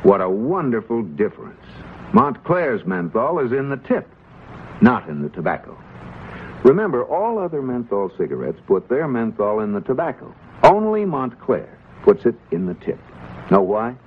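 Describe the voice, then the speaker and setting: A tinny, faintly hissy vintage broadcast carries a man as an advert pitchman. He sells emphatically, with pitch leaping up and down. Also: huge pitch swings, normal speed. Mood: emphatic, selling. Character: emphatic old-time cigarette advert pitchman. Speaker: advert announcer. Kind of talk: vintage cigarette commercial pitch.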